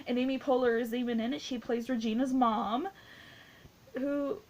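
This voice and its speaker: A woman's voice: a little high, fairly even intonation, a little slow, darkish tone. A woman in her twenties giving a casual spoken movie review, rambling and gushing with many fillers. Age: 20s. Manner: rambling, gushing, heavy use of "like".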